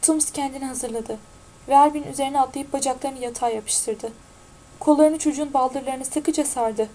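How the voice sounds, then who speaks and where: Woman narrator, high voice, mellow tone, steady audiobook reading. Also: moderate pace, rough recording.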